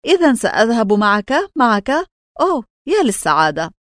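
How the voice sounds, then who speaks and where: A woman's voice: very animated, fast talker, a little mellow, dry recording, clean studio sound, close to an everyday voice. Nydia, a woman voicing a pleading blind slave girl. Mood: joyful. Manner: high, tearful pleading.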